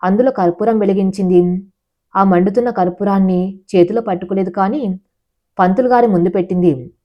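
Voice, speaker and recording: A woman narrating a storybook tale in an even reading voice, speaking every character the same way. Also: mid-range voice, a little fast. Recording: dull lo-fi audio.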